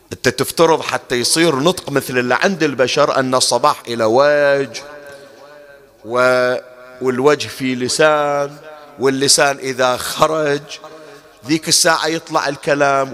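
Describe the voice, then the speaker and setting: A man preaches with a slightly raised pitch. He teaches through rhetorical questions, posing each one and then answering it himself. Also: a bit bright. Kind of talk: religious lecture.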